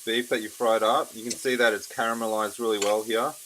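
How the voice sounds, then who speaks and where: A man's voice: lowish voice, flat delivery, fairly quick, fairly bright tone. A man hosting a cooking show, casually talking through each step as he cooks, in a noisy kitchen recording. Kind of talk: casual cooking demonstration narration. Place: indoor kitchen at the stove. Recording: noisy kitchen with sizzling and clicks. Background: frying sizzle, stirring, clicks.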